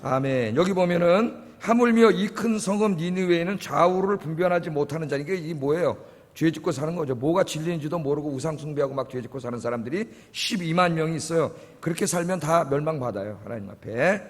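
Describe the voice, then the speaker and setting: High-pitched preaching man in echoing hall. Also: brisk. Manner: emphatic preaching, quoting God and Jonah with rising intensity. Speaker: pastor. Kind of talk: sermon. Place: church sanctuary. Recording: long reverb of a church hall.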